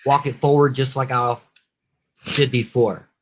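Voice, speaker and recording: A man's voice: medium pitch, fairly even intonation, measured pace, background noise. A man hosting a live online panel chat, blunt and joking, swearing freely.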